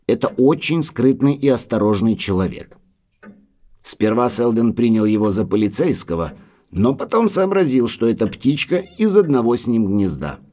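An actor plays a deferential, uneasy manor butler in an audio drama, sounding grave and full of foreboding. The male voice is mid-range and warm, with a confiding, cautious mood.

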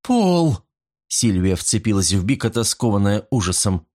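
A man's voice: deep voice, steady tone, moderate pace, a little mellow. Man narrating a novel steadily.

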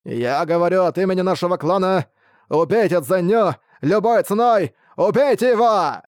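A male narrator voicing an enraged old clan elder who shouts furious threats. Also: a little high, expressive, fairly quick, no room sound, studio quality, lightly acted. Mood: furious shouting. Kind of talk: audiobook character voice.

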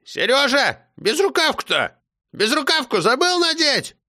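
A man voicing a loud, domineering old grandmother who scolds and shouts in a high voice. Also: very animated, moderate pace, exaggerated voice. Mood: scolding shouts.

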